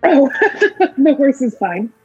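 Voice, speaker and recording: A woman's voice: high voice, animated, takes it slowly, highs cut off, music in the background. A woman playing a tabletop role-playing game, describing her moves with a giggly, unsure manner. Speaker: player. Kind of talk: casual tabletop game talk.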